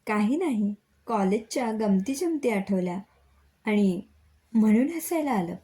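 A woman's voice: mid-range voice, lively intonation, measured pace, mellow, lightly acted. A woman voicing a cheeky, joking young male college student in a story reading.

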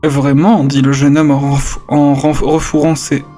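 A man's voice: on the high side, little pitch movement, a little slow, dark tone, soft background music. A man reading a story aloud on stream, breaking off for casual asides and stumbling over words.

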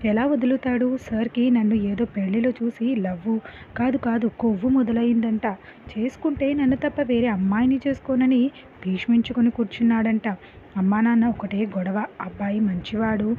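A woman narrating a story in the first person, chatty, with conversational asides to the listener. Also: on the high side. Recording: phone-like lo-fi with faint hiss.

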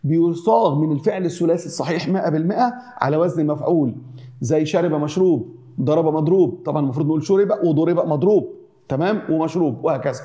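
A man with an Egyptian accent explains grammar to his students at a rapid clip. His tone is warm and mellow, and he sits a little higher than most men. He keeps circling back to the same examples, chanting them in rhythmic lists. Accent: Egyptian Arabic. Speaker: Arabic teacher. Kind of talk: classroom grammar lesson.

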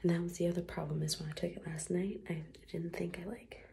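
Early in the morning at home, a young woman whispers a casual vlog so she won't wake anyone, rambling with plenty of fillers. Her voice is lowish and level, with vocal fry, and she talks fast.

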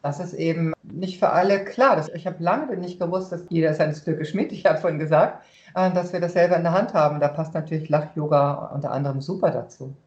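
A woman's voice: low-pitched, fairly quick, hardly any pauses, a little mellow. Woman, interview guest, reflective, thinking aloud, roomy echo, dull lo-fi sound. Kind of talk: casual interview chat. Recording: roomy, dull remote audio.

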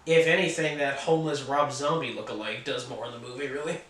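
Casual male film reviewer, opinionated and joking, middle pitch, roomy distant sound. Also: steady tone, quick pace, a bit bright. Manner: chatty and opinionated, with offhand jokes.

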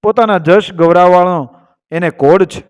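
A man's voice: a little slow, smooth, lo-fi sound. Man narrating a dramatic folk tale. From Gujarat, India. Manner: voices characters' lines with raised pitch and force. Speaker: storyteller.

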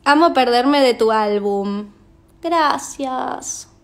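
A young Argentine singer with an Argentine Spanish accent chats casually on a phone livestream. She reads fan messages aloud, tossing in quick asides, and her voice sits high.

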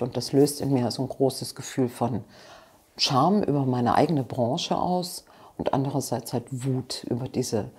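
A woman with a rumbling low, slightly mellow and husky voice sits in a living room as an interview guest. She answers questions frankly and passionately, with restarts and asides.

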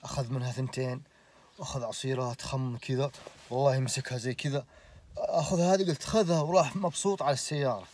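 Saudi man telling a lively story. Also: medium pitch, fast talker. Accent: Saudi Arabic. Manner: animated, swears oaths, laughs through the story. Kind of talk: casual storytelling.

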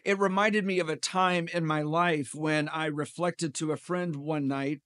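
Slow, measured pastor preaching from the pulpit. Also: male voice, a little high, steady tone, fairly bright tone, no room sound. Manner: storytelling with dry humor. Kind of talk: sermon. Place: church sanctuary at a pulpit. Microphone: pulpit gooseneck mic.

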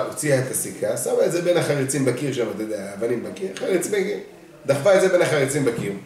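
Guy rabbi preaching, lively storytelling, sounds far off in a big echoey room. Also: a little high, slight background noise. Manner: animated storyteller, acts out voices. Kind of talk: storytelling sermon. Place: synagogue study hall. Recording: echoey hall, far from mic.

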